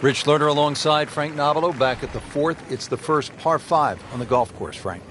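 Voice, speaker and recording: A man's voice: on the high side, normal speed. A man giving live golf commentary as lead announcer, in short, punchy phrases addressed to a co-commentator. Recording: loud outdoor crowd and ambient noise.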